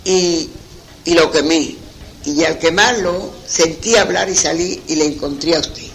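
A man's voice: fairly high pitch, a little slow, a bit bright, a little hiss or hum, low-quality recording. A man voicing a curious young girl who recounts what she found. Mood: earnest.

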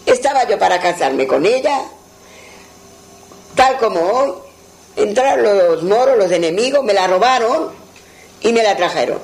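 A man's voice: high voice, animated, a little slow, gravelly, pauses often, full character voice, low-quality recording. A man voicing a grieving young man who speaks sorrowfully and pleadingly about his lost bride.

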